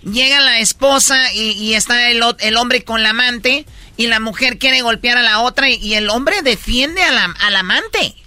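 A man's voice: very high-pitched, normal speed, sharp tone, clean tone, no room sound. A man with a Mexican accent hosting a radio show, teasing the caller with prodding questions. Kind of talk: joking radio talk.

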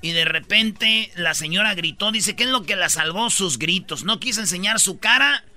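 A man's voice: sits high, animated, moderate pace, pushed and bright. A man hosting a radio show, telling stories in playful, slangy banter.

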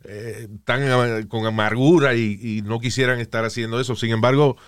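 A man hosting a casual interview, asking questions in a relaxed, joking way. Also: medium pitch, moderate pace, smooth, no room sound, studio quality.

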